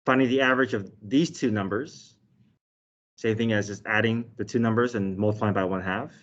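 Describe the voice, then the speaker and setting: A man's voice: lowish voice, fairly even intonation, brisk, a bit bright, slight background noise. A man teaching a step-by-step math lesson as a teacher, explaining and often checking in with short tag questions. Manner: explanatory, checks in with "okay" and "right". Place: indoors, desk with document camera. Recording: dull, slightly muffled online lesson audio.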